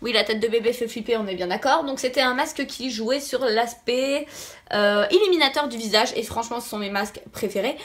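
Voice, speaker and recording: A woman with a brisk, higher-pitched voice reviews beauty products for her viewers. Her lisp makes her s sounds slushy, and she sounds slightly sick. As a beauty vlogger she keeps things casual but emphatic, repeating words for stress.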